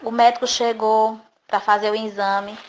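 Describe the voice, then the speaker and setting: A woman's voice: on the high side, level tone, normal speed, slight background noise, poor audio. A woman giving an earnest, emotional religious testimony. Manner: earnest, emotional storytelling with tearful pleas to God. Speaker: testimony giver. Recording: voice over loud background music.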